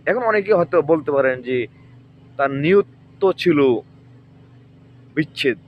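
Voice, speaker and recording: Man, slightly high voice, argumentative, questions viewers, stresses pronunciation, dull lo-fi sound, faint traffic behind. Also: animated, moderate pace. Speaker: online religious commentator. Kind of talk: rhetorical explanation to viewers.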